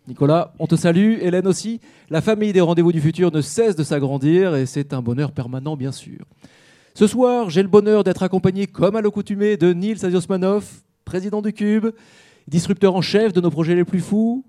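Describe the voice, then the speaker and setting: A man's voice: on the high side, dark tone. A man hosting a live talk show, welcoming a guest with effusive, flowery compliments. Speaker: host. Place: studio with live audience.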